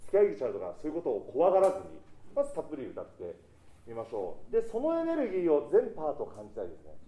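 A man's voice: on the high side, huge pitch swings, rapid-fire, mellow, echoey room, low-quality recording. A man coaching a choir in rehearsal, polite and encouraging, singing short phrases to show what he means. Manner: sings phrases to demonstrate. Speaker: choir conductor.

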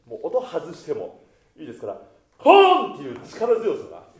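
A man leading a choir rehearsal, giving instructions in an animated way and breaking into sung demonstrations. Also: a little high, normal speed, echoey room. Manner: animated, sings demonstrations mid-sentence. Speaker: choir conductor.

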